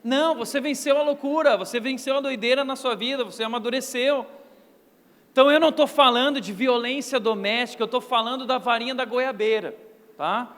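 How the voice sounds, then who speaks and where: Brazilian pastor, light high voice, lively joking sermon, echoey church hall. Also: male voice, brisk. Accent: Brazilian Portuguese. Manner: humorous, animated storytelling.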